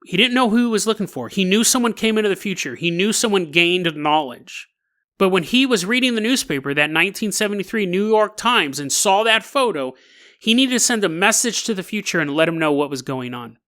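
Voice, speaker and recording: A high-pitched man hosts a podcast, casually telling conspiracy stories on his own. He's jokey and self-amused, chuckling through his points with animated, drawn-out emphasis.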